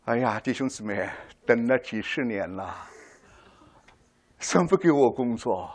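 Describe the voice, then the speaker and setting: An older man giving a testimony sermon to a congregation, telling his story with animated voices and often asking the listeners "right?". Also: mid-range voice, unhurried. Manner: frequent rhetorical "right?" to the audience.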